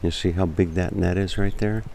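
A deep-voiced American man chats his way along an outdoor seaside pier, narrating for his camera. He talks casually and repeats phrases as he points things out. A faint outdoor hiss sits under his voice. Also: steady tone, moderate pace, creaky, dark tone. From Florida, United States. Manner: chatty, repeats phrases while looking around. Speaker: vlogger. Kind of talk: walking vlog narration.

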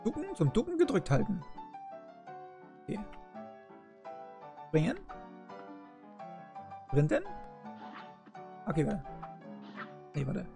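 A man's voice: fairly high pitch, huge pitch swings, slow, gravelly, pauses often, over music. A man casually commenting as he starts a video game, musing aloud and chatty. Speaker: let's play host.

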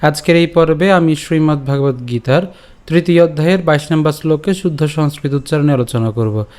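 A man teaching the pronunciation of scripture verses, explaining step by step and chanting the lines slowly, syllable by syllable. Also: a little high, a little mellow. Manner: patient step-by-step explanation with questions. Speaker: Gita teacher. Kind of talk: recitation lesson.

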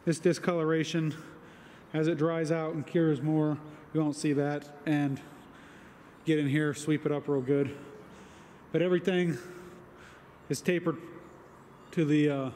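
A man with a slightly higher voice talks through his building site in a relaxed, matter-of-fact way, pausing on fillers as he goes. He is recorded outdoors on a handheld camera, with faint outdoor ambience behind him. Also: slight background noise. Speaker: homesteader vlogger. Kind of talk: casual walkthrough narration.

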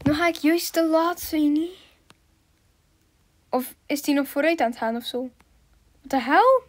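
A woman's voice: sits high, unhurried. A woman doing chatty, giggly commentary as she plays a video game, mixing in English slang. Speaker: gaming YouTuber.

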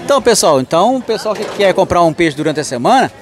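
A man's voice: high voice, sing-song, quick pace, faint music behind. Chatty man vlogging through a market. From Mato Grosso do Sul. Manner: chatty, greets vendors, thanks followers. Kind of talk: walking market tour vlog. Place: outdoor street market.

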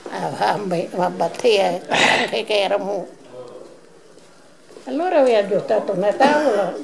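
Very creaky old southern Italian woman. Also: medium pitch, measured pace. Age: 80s. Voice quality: gravelly, aged voice. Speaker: grandmother telling stories. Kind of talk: casual storytelling in dialect. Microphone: handheld camera at arm's length.

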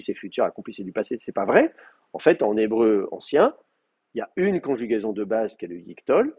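Man, university lecturer, husky voice, animated pitch, hesitant restarts, classroom lecture. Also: no echo, dull audio. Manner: hesitant, stop-start explaining with many restarts. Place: classroom with in-person and remote students.

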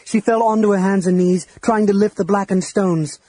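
A man narrates a fantasy saga as an audiobook, his voice mellow and a touch husky. He sits a little higher than most men and swings between shouted lines and near-whispers as the story moves. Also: steady tone, moderate pace, poor audio. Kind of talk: dramatic audiobook reading.

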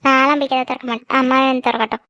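A woman voicing a cheeky teenage village daughter in a cartoon, talking back quickly with a whiny, sassy manner. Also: high-pitched, steady tone, muffled recording, background noise. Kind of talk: cartoon voice acting.

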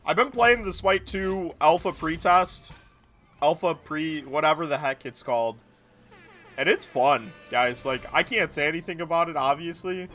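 Young guy streaming a game, tipsy and rambly, sharp bright voice a bit high, little music behind. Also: moderate pace. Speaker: gaming video creator. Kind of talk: casual gameplay commentary to viewers. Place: small indoor room at a gaming setup.

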